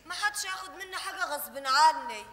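A shrill naive maid. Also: female voice, lively intonation, brisk, sharp tone. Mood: defiant. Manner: blunt, mangles foreign words. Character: naive young housemaid with big ambitions. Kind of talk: stage comedy acting. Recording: reverberant theater stage.

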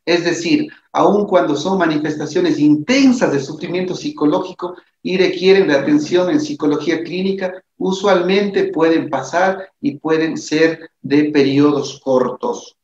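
A man's voice: on the high side, unhurried, hardly any pauses, a little mellow. A man with a tired voice, giving an earnest recorded lesson on psychology and often checking in with his listeners. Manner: earnest, repeats himself, asks "¿de acuerdo?". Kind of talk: recorded lecture over slides. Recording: echoey room, dull lo-fi sound.

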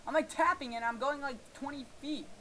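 A young man giving casual let's-play commentary, excitable and swearing, yelling at his game. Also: very high voice, fairly quick, slight background noise, rough recording. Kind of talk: gaming commentary.

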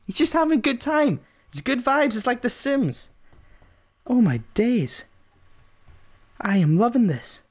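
A man giving excited let's play commentary, giggly and full of exclamations. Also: very high-pitched, a little slow, pauses often.

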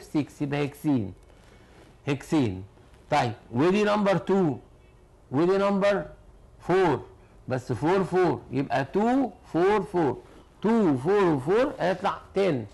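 A man's voice: a little high, creaky, darkish tone. A man with an Egyptian Arabic accent teaching chemistry, who explains step by step and asks and answers his own questions. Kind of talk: classroom lesson.

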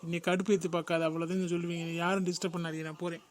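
A man's voice: fairly high pitch, level tone, close to an everyday voice. A man voicing a snappish stressed young husband. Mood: irritated. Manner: snappish, fast and complaining. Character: stressed young husband, irritable and quick-tempered. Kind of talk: cartoon voice acting.

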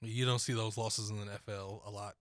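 Young male co-host, bright and opinionated, dry studio mic. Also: lowish voice, little pitch movement, no echo. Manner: opinionated, quick laughs and restarts. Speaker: sports show co-host. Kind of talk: casual sports talk. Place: small studio with foam panels. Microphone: studio mic on boom, headphones.

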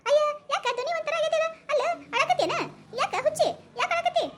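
Woman doing a teasing village grandmother, North Karnataka Kannada accent, very high voice, fast coaxing chatter. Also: fairly bright tone, a little hiss or hum. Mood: teasing concern. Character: older village woman, a visiting aunt and grandmother, teasing and caring. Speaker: comedy skit creator. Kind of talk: village comedy skit acting.

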